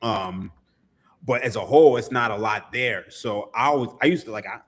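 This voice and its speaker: The man here is a sports writer from Philadelphia in his thirties, relaxed as a podcast guest, spinning stories with plenty of laughter and free swearing. His voice is mid-range and his speed normal.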